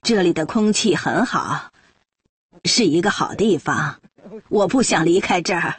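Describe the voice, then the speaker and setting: A woman voicing an elderly female herder in documentary testimony, with a husky voice. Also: fairly low pitch, expressive, a little slow, crowd noise. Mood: wistful, attached.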